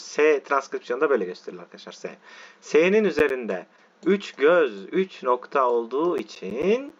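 A male teacher giving an online lesson, walking through letter forms slowly and often checking that his listeners are following. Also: mid-range voice, a bit bright. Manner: repetitive, checks in with "tamam mı arkadaşlar". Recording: dull lo-fi audio.

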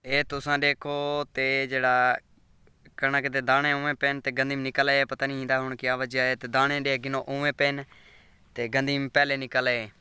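A man's voice: medium pitch, level tone, unhurried, pushed and bright, smooth, dry recording. Chatty Saraiki man vlogging in the fields. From Pakistan. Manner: rambling, chatty, keeps asking viewers to subscribe. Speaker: village vlogger. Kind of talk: casual walking vlog. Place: outdoors among farm fields. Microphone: phone camera.

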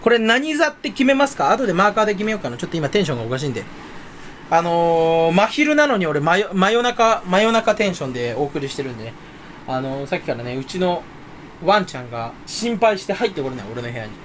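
Rambling young man, jumpy and animated. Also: high voice, quick pace, a little hiss or hum. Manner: scattered, self-mocking, jumps between topics, sudden loud outbursts and mouth noises. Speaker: streamer chatting solo. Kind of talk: rambling casual chat. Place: his own room at home.

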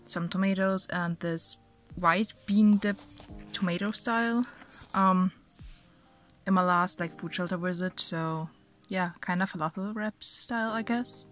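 Faint music plays behind a young woman whose fairly bright voice sits on the low side and moves a little slowly. Vlogging from a small bedroom, she talks to camera and voices over food clips in a chatty, hesitant way with many fillers, sounding slightly sick.

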